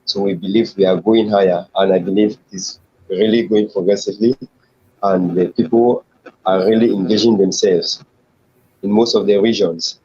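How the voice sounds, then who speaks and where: Man from Cameroon, guest on a video call, low mellow voice, dull lo-fi sound with faint noise. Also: steady tone, moderate pace, breathy edge. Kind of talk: casual call update.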